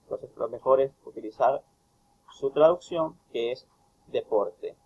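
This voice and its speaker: Male tutor, gravelly husky voice, emphatic lecture delivery, dull lo-fi recording. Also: medium pitch, a little mellow. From Ecuador. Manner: slow, emphatic reading of example phrases. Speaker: university tutor. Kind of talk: recorded lecture explaining grammar.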